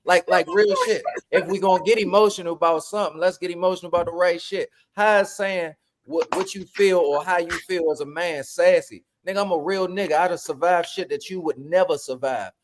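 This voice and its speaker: A man talking on a podcast, animated and profane, repeating phrases for emphasis. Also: sits high, fairly quick, hardly any pauses. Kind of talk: casual podcast chat.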